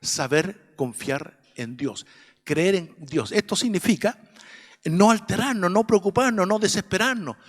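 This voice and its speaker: A man with a high voice talks a little slowly, his words followed by a long reverb tail. With a Chilean Spanish accent, he teaches an adult Sunday school class in a church classroom, sounding earnest and preachy and checking often that people agree.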